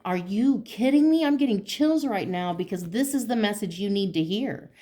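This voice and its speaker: A woman giving a pick-a-card tarot reading, talking straight to the viewer in an excitable, emphatic and encouraging way, cussing casually as she goes. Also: mid-range voice, moderate pace.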